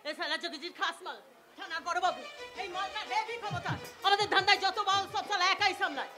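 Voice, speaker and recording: A woman's voice: very high voice, quick pace, bright, forceful tone, soft background music, some chatter behind. A woman playing a coarse, mocking brothel madam who barks orders, in live folk-theatre style. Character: hard-bitten middle-aged brothel madam, coarse and cruel. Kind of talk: live jatra stage acting. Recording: live stage with audience noise.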